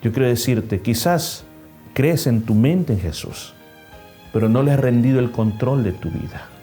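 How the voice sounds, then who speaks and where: A man's voice: medium pitch, expressive, normal speed, mellow. Impassioned male preacher, faint music. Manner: preaching with rising emphasis and numbered points; acts out a story with changing voices. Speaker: pastor. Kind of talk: sermon. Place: church service.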